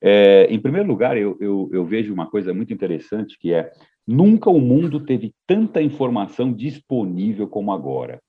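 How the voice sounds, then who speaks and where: A man's voice: lowish voice, very animated, moderate pace, slightly rough, phone-quality sound. A man as a podcast guest, talking in a reflective, hesitant way with frequent restarts. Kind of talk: casual podcast conversation.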